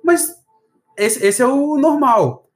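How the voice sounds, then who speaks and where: A man from Florianópolis in southern Brazil talks casually as a podcast guest, rambling and slangy, with a mild southern Brazilian accent. His voice is very high and expressive, and he takes his time.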